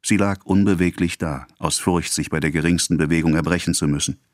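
A man reading a classic novel aloud as an audiobook narrator, in a measured, even storytelling manner. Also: low-pitched, dry recording, studio quality.

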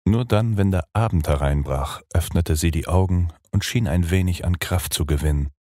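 A man narrating a gothic novel in a measured, even storytelling voice. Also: deep voice, no echo, clean studio sound. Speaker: audiobook narrator.

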